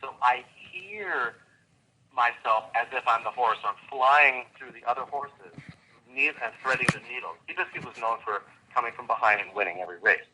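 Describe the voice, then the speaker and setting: Enthusiastic male coach, bright tense voice. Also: medium pitch, normal speed, a little hiss or hum, low-quality recording. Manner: enthusiastic, vivid and expressive. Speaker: host and coach. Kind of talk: coaching call with a guest.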